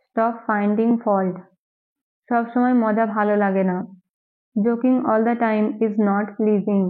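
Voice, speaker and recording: A woman English teacher, a native Bengali speaker, reading daily phrases and repeating each one twice, very slowly. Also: mid-range voice, steady tone. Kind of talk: slow drill reading of phrases. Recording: tinny phone-like recording.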